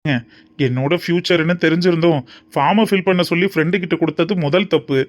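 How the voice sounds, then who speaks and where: A man's voice: a little high, quick pace, lightly acted. A man voicing an easygoing young man who jokes and reassures in a family cartoon. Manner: breezy, joking. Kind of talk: cartoon dub acting.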